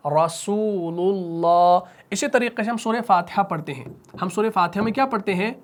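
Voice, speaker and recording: A man with a Pakistani Urdu accent teaching Quran recitation rules, who asks the class questions, answers them himself and stretches out the example words slowly. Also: sits high. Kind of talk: spoken tajweed lesson at a whiteboard.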